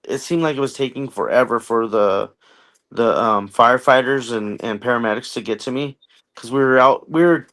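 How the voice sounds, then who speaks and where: A man's voice: mid-range voice, a bit bright. An American man in his thirties tells his story as a podcast guest. He talks casually and keeps things light with jokes. His speech is loose and rambling, full of "you know" and "like". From United States. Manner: conversational, jokey, filler-heavy storytelling. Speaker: podcast guest, army veteran.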